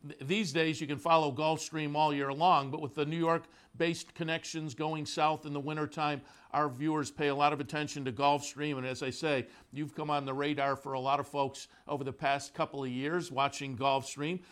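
Male racing show host, higher-pitched, casual and rambling. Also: little pitch movement, normal speed, hardly any pauses, a bit bright, smooth. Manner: conversational, filler-heavy. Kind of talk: broadcast interview. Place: studio in the Saratoga area.

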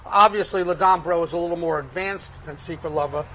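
A man's voice: fairly high pitch, brisk, sharp tone, a little hiss or hum, low-quality recording. A man with a Brooklyn accent giving conversational horse racing analysis and picks as a handicapper. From Brooklyn, United States.

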